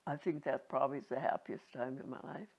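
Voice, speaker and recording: A very old woman in her nineties reminiscing casually, halting and rambling, with a creaky aged voice. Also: very deep voice, steady tone. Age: 90s. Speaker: interviewee. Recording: dull lo-fi home recording.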